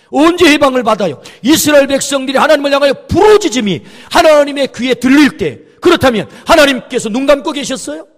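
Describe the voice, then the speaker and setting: A male pastor preaching a sermon, asking the congregation questions and acting out Jesus' words of rebuke. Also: extremely high pitch. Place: church sanctuary. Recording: long reverb of a church hall.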